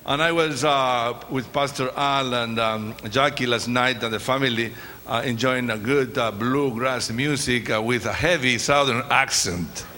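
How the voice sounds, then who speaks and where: A Chilean man, a native Spanish speaker with a Chilean accent, preaches as a guest speaker from the stage of a large church, mixing jokes and informal remarks into his sermon and hesitating often. His voice is medium-pitched and sharp, and he speaks unhurriedly. The recording carries the reverb of the church hall along with noise from the congregation.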